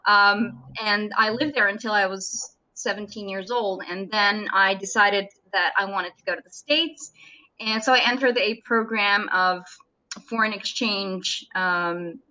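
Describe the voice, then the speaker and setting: Bright-voiced woman from Serbia. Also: mid-range voice, measured pace, rough recording. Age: 30s. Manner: laughing often, chatty with frequent restarts. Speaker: surgeon guest. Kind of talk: casual interview chat.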